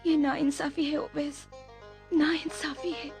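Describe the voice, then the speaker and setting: A woman's voice: high voice, little pitch movement, slow, music in the background. An actress dubbing a heartbroken young woman who pleads and reproaches. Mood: reproachful. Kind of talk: Urdu film dubbing.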